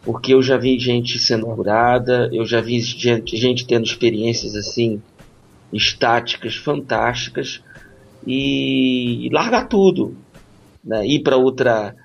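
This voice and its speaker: Gravelly, husky man musing on faith. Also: medium pitch, slow pace, muffled recording. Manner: reflective, restarts often with "né?". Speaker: podcast co-host. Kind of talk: casual discussion on faith.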